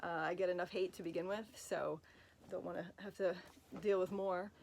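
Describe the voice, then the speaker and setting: Low-ish and darkish in tone, with vocal fry, fairly even intonation and a normal speed, this woman speaks with the accent of Brooklyn, New York, where she's from. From her bed she answers fan questions for a phone recording, chatty and meandering, self-mocking, with many fillers and digressions.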